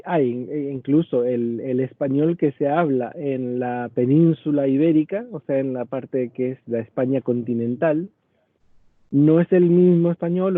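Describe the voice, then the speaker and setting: A man's voice: mid-range voice, no echo. A man from Argentina, a paleography teacher giving an online lecture in a patient, explanatory way and speaking directly to his students. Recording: dry, tinny phone-like audio.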